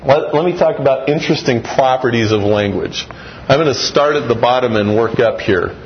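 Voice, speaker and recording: Man lecturing with animated inflection. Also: medium pitch, normal speed. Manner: animated, acts out example sentences with varied inflection. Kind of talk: classroom lecture with slides. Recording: dull, slightly muffled recording with faint room noise.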